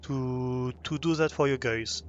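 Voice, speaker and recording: Slow-talking French-accented young man streamer. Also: medium pitch, muffled recording, a little hiss or hum. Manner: hesitant, many fillers and restarts. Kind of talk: live game stream chat. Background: faint music.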